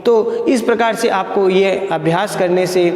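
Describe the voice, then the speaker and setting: A man's voice: sits high, a little mellow. A man teaching a college grammar lesson, patient and repetitive, often checking in with his students. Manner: patient, repeats words slowly with many check-ins. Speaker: college Hindi lecturer. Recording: echoey room with long reverb.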